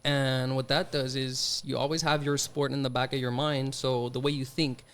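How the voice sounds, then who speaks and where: A man's voice: mid-range voice, flat delivery, normal speed, a bit bright, clean tone. A French Canadian man with a Quebec accent, a hockey player answering interview questions in a thoughtful way. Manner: thoughtful, many restarts and fillers.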